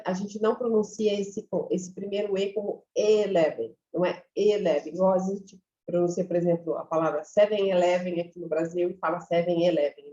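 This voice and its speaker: A woman teaching a basic English class, slowly and patiently repeating each word to model its pronunciation. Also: fairly low pitch, dark tone. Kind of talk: recorded online English class. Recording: echoey room, slightly dull lo-fi sound.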